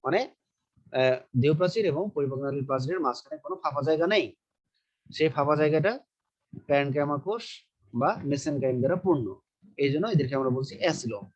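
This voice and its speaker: A man's voice: on the high side, quick pace, pauses often, lo-fi sound. A man teaching a biology lecture, asking questions and answering them himself while repeating key terms. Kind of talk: online lecture.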